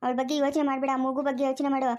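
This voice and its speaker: A woman playing a sharp-tongued grandmother who scolds her daughter-in-law, speaking rural Chikkaballapur Kannada. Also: high-pitched, level tone, lightly acted. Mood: lecturing. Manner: scolding, rapid and raised. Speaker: grandmother character. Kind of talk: family drama acting.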